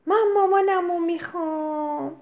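A woman's voice: extremely high pitch, fairly even intonation, a little mellow, highs cut off, voice pushed up. A woman voicing a small princess who cries for her mother in a children's story. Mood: wailing. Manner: wailing, demanding. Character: whiny little girl princess.

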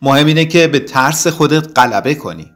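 A man doing a gentle asparagus mother. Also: a little high, lively intonation, faint music behind. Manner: soothing, reassuring.

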